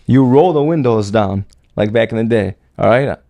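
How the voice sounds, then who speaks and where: Gravelly low-voiced man telling a war story. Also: normal speed, dark tone, no echo. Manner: slangy, rambling, full of "like" and "bro". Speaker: podcast guest recounting military service. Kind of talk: casual storytelling.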